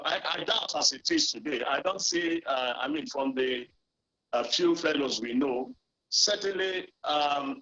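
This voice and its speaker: A man's voice: on the high side, bright, forceful tone, dull audio. A man, a former diplomat, speaking as a guest on a news program over a distorted, fuzzy remote audio line, often hesitant with fillers and restarts.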